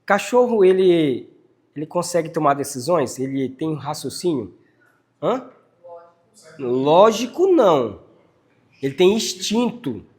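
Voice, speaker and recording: A man leading a casual workplace training talk, animated and addressing his team directly with frequent tag questions. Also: a little high, unhurried, pauses often, husky. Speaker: team leader giving a workplace briefing.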